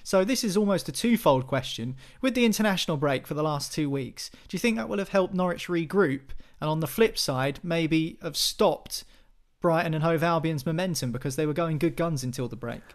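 Higher-pitched male sports podcast host. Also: lively intonation, brisk. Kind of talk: conversational sports presenting.

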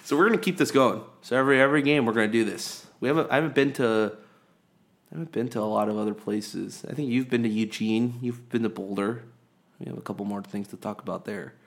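A man with a fairly low voice co-hosts a sports podcast, talking in a loose, rambling way. He chats casually, stacking fillers and restarting his sentences as he goes. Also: quick pace. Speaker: podcast co-host. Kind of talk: casual chat.

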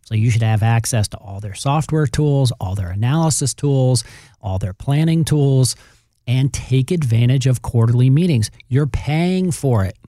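A man's voice: medium pitch, animated, moderate pace, mellow, no echo, clean studio sound. A man talking as a financial advisor, explaining things conversationally and addressing the listener directly with emphasis. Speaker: financial advisor on a radio show. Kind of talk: conversational advice talk.

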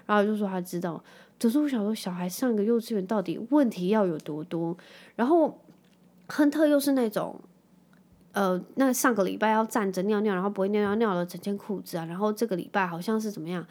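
A woman's voice: medium pitch, a little fast, darkish tone. A woman in her thirties with a Taiwanese Mandarin accent, hosting a casual storytelling chat and dropping English words into her talk. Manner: chatty, drops English words into speech. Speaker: podcast host.

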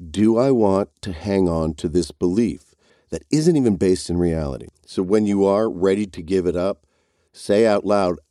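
A man giving an encouraging, measured motivational self-help talk straight to the listener. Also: fairly low pitch, dark tone, no echo, clean studio sound. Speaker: self-help program host.

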